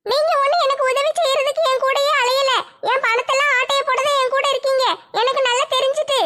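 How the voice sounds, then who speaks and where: A woman's voice: very high voice, steady tone, brisk, sharp tone. A woman voicing a stubborn, defiant young woman in a comedy sketch. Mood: scolding. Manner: defiant, scolding.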